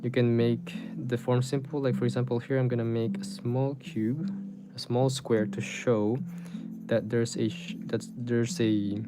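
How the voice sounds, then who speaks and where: A man's voice: mid-range voice, flat delivery, unhurried. A man chatting informally on a drawing livestream, slangy and often repeating words, as he reads and answers comments. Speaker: art livestreamer. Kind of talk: casual livestream chat while drawing, reading comments aloud. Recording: music playing behind the voice. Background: guitar music.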